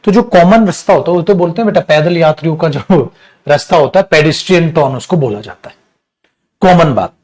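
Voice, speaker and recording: A man's voice: on the high side, lively intonation, fairly quick, darkish tone. A man teaching an exam-prep lesson, casual and teacherly, mixing English terms into his explanations and calling his students beta.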